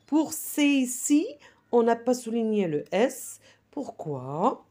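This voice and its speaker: A woman's voice: a little high, sing-song, takes it slowly, dark tone. A middle-aged woman teaching a primary spelling lesson with patience, checking in often with the class and with parents. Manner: patient, repeats "d'accord?".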